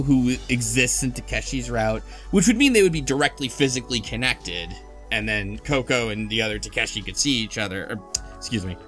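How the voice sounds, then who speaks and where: Thinking out loud in a casual podcast discussion of a visual novel, a male panelist rambles tentatively in a mid-range, fairly bright voice. Music plays faintly underneath.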